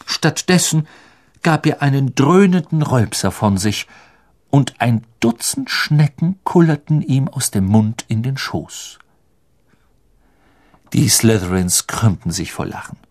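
Brief: male storyteller, mid pitch, very animated delivery, scripted narration. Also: takes it slowly. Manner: lively, expressive storytelling. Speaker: audiobook narrator.

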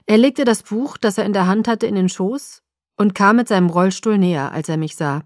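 A woman reading first-person narration for an audiobook in an even, measured way. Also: medium pitch, no echo, studio quality.

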